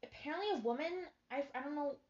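Fast-talking high-voiced young woman host. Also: a little mellow. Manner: quick, chatty, filler-heavy. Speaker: podcast host. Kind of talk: casual chat. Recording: roomy, dull sound.

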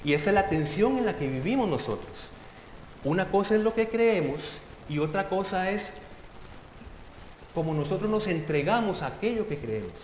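A man's voice: sits high, expressive, moderate pace. A man preaching a sermon, emphatic, calling his listeners brothers and sisters and posing rhetorical questions. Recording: echoey hall with faint background noise.

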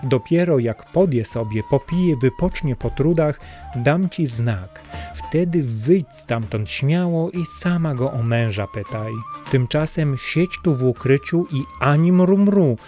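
A fussing, gentle old woman from a storybook, the mother of the sun, as a male reader puts her on. She soothes in a raised yet warm, mellow voice. Her words come slowly. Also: on the high side, expressive, soft background music. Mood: caring.

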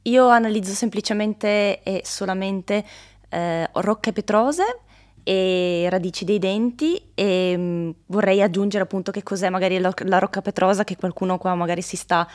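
A woman's voice: medium pitch, normal speed. Young woman explaining her research carefully. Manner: careful, technical, with hesitation fillers. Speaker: guest, doctoral researcher. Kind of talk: explanatory interview answers.

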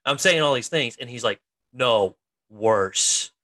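A man's voice: medium pitch, fast, pushed and bright, dry recording. A man in his thirties co-hosting a casual podcast chat, chatty with lots of fillers and frequent laughter. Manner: laughs often, chatty with many fillers and restarts. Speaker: co-host, military investigator in the reserves.

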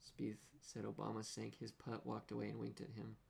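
A man's voice: on the low side, completely flat delivery, normal speed, creaky, a little mellow. A young man co-hosting a podcast, telling stories in a rambling, jokey way. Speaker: podcast co-host. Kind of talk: casual chat.

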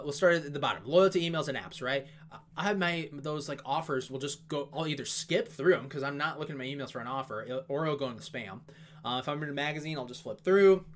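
A man talking fast and casually as he walks through an investment analysis, with plenty of fillers and asides. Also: fairly high pitch. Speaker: investing video host. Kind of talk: casual stock analysis talk.

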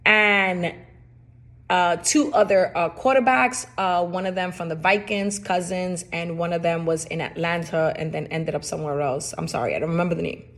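A woman's voice: lowish voice, moderate pace. Chatty woman podcast host, Spanish accent. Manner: chatty and emphatic, repeats phrases. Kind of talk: casual podcast monologue.

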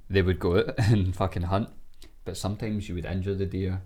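A man's voice: low voice, fairly even intonation, a little fast, warm tone. A man with a Glasgow street accent chatting casually and telling anecdotes in blunt, sweary language. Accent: Glaswegian Scottish.

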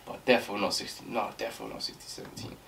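A man's voice: lowish voice, rapid-fire, a bit bright. Young man, laughing, away from the mic. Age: early 20s. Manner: laughs often, heavy slang. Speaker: podcast co-host. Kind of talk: casual chat. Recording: distant mic.

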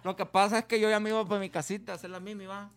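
A man's voice: high-pitched, rapid-fire, over a noisy crowd. A young man, co-hosting a casual podcast chat among friends and telling stories with lots of laughter. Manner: laughing storyteller, loud and animated. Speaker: podcast co-host.

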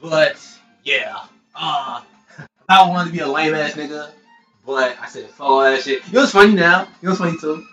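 A young man in his twenties chatting on a podcast in loose slang, laughing a lot. His voice sits a little high, and soft music plays quietly behind him. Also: moderate pace, dull audio. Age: 20s. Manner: laid-back, slangy, laughs often. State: high on an edible. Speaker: podcast co-host. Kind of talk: casual chat.

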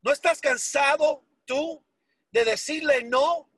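A man's voice: extremely high pitch, takes it slowly, fairly bright tone, dry recording. A man giving an emotional, emphatic motivational speech, repeating words for force and dropping English phrases into his talk. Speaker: motivational speaker for a sales business.

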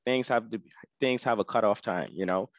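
Guesting on a casual interview, a freight delivery business owner chats easily about his work, dropping "you know" again and again. His voice sits on the low side and moves a little fast, in a dry recording with the highs cut off.

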